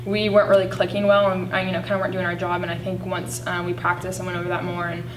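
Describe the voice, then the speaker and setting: A young woman, a college basketball player, answering post-game questions in a soft-spoken, hesitant way that trails off. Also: on the low side, completely flat delivery, quick pace. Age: young adult. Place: indoor press conference room. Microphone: table mic from a distance. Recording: echoey room with hum, distant mic.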